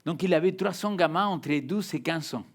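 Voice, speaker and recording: A young adult man preaching a sermon as a pastor, speaking French with a non-native accent, emphatic, swinging between loud and hushed, repeating words. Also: a little high, moderate pace.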